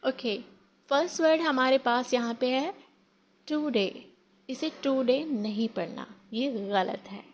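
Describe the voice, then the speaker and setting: A woman teaching a spoken English lesson in Hindi, drawing out example phrases slowly and often correcting herself. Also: sits high, lo-fi sound, slight background noise. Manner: slow drawn-out example phrases, frequent self-corrections.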